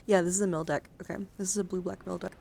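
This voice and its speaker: Indoors on a livestream shot with a handheld camera, a woman host races through a casual, rambling chat, swearing freely as she shows off her card collection. Her voice is on the low side, creaky and mellow, with fairly even intonation, and there's a little hiss or hum.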